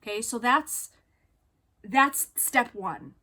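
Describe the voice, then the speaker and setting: A woman's voice: fairly high pitch, slow, pushed and bright. A woman telling a personal story in a casual vlog, chatty and full of fillers, acting out other people's lines. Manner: chatty, many fillers, acts out quoted dialogue. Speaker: vlogger on living with BPD.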